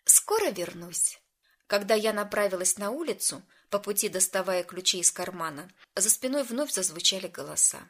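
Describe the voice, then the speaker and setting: A woman reading a first-person audiobook story in an even, storytelling manner. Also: medium pitch, brisk, hardly any pauses. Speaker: narrator.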